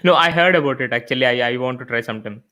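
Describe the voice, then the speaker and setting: Man, middle pitch, non-native English speaker, casual interviewer. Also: racing, sharp tone. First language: not a native English speaker.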